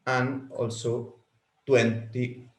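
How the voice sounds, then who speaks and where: This Spanish-native product trainer guides a webinar through software settings, pausing and repeating words along the way. His mid-range voice barely moves in pitch, and there's reverb in the room.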